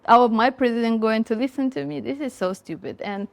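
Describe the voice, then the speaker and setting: A young woman with a Russian accent, a dancer giving a casual interview, speaking frankly and with lively, non-native grammar. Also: fairly high pitch, a little fast, creaky. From Russia, born in Ukraine. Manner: frank and animated, with broken English grammar. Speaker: guest, dancer living in Jamaica.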